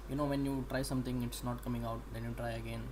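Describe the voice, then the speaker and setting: Flat-voiced young man with an Indian accent. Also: medium pitch. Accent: Indian English. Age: young adult. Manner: halting, explains while working, many pauses. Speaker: animation student streaming practice. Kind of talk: casual think-aloud livestream. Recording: steady background noise.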